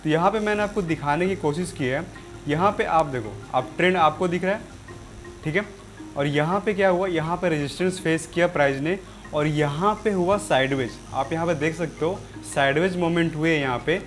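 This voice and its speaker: A man's voice: on the high side, a little fast, soft background music. Man with a sore throat, teaching. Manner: repetitive, keeps saying "okay" and "friends". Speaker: trading teacher. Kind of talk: explaining a chart on screen.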